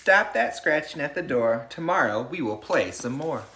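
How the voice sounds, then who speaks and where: With a slightly high voice at a moderate pace, a man reads a picture book aloud to young students in a lively storybook manner, chatting casually along the way. Some light background noise is present.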